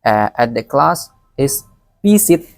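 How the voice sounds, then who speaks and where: A young adult man, an education student with a Palembang Indonesian accent, delivers a recorded exam presentation in a medium-pitched voice. He speaks haltingly and repeats words often, and there's no echo.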